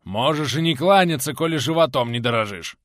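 A man voicing a stocky, bearded former outlaw, a gruff, teasing man with a hoarse, coughing voice. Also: mid-range voice, expressive, a little fast, a bit bright, dry recording, studio quality, voice pushed up, close to an everyday voice. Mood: threatening. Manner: gruff, threatening, mocking.

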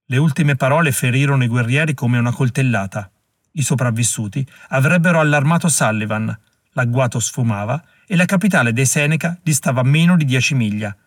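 A man narrating an audiobook in a measured way, slowing down at dramatic moments. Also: mid-range voice, dry recording, studio quality. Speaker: audiobook reader.

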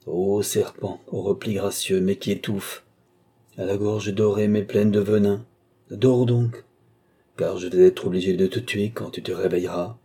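A man's voice: lowish voice, fairly even intonation, a little slow, warm tone, slightly rough. A man voicing a tormented, brooding sorcerer. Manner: impassioned, declamatory, swings between murmurs and outbursts. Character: brooding tormented male sorcerer, torn between love and ambition. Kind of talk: audiobook dramatic reading.

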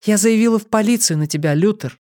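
A man voicing a young waitress in an audiobook, high falsetto and pleading. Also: fast talker, darkish tone, close to an everyday voice. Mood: firm.

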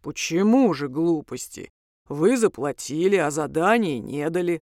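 A woman voicing a polite, insistent male crossroads demon in a spoken story, talking slowly and courteously. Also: low-pitched, lively intonation, darkish tone, dry recording, clean studio sound, pitched below the performer's own voice.

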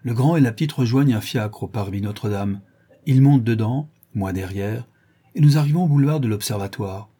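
A man voicing a rough, loyal Parisian ex-brawler who rambles in street slang. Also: medium pitch, a little fast, warm tone, close to an everyday voice. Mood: confiding.

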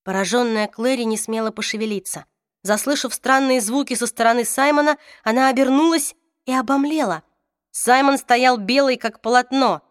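A woman reads a fantasy novel aloud with dramatic expression. Her voice sits somewhat high, and the recording is close and dry. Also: dry recording. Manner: expressive dramatic reading, voices each character. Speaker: audiobook narrator. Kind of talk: scripted narration.

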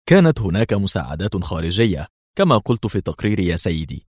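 Man reading a composed young woman agent; polite, a bit husky. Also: deep voice, very animated, quick pace, darkish tone, no echo, clean studio sound, heavily acted. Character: poised young female intelligence agent.

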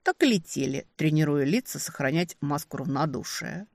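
A woman narrating a first-person romantic fantasy audiobook, expressive and lively on the heroine's lines. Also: sits low, normal speed, creaky.

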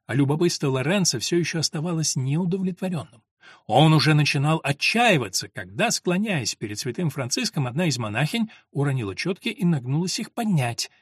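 Husky-voiced male audiobook narrator. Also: mid-range voice, no room sound, clean studio sound. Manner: measured, storytelling. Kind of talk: scripted narration.

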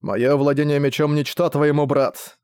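A man's voice: fairly high pitch, little pitch movement, normal speed, darkish tone, clean tone, no echo, studio quality, natural voice. A man voicing a determined young prince who speaks in an earnest, resolute way. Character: determined young prince fighting his brother.

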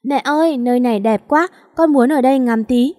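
A woman's voice: high-pitched, brisk, a little mellow, pitched above the performer's own voice, close to an everyday voice. A woman voicing a lost, tearful little girl who whines and pleads. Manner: whiny, pleading. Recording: long reverb.

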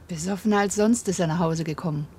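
A woman's voice: on the low side, fast, a little mellow, a little hiss or hum, lightly acted. An actress playing a gossiping village woman in a radio play, insistent and gossipy.

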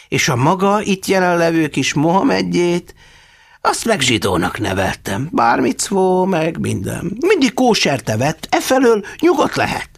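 A man reading an audiobook, voicing a shrewd, fussy old foster mother in a high, insistent voice. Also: vocal fry, no echo, studio quality, full character voice. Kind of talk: audiobook character voice.

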